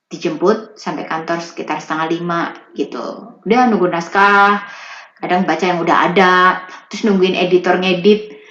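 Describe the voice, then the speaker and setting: A woman working as a voice-over artist, chatting casually in an interview and explaining with lively rises in her voice. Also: lowish voice, moderate pace, faint music behind. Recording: roomy, slightly dull recording.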